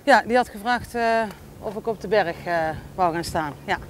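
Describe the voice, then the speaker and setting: A woman in her thirties outdoors by a race course, talking with a reporter and shouting cheers for a racer. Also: mid-range voice, normal speed, background noise. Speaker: athlete's sister and spectator.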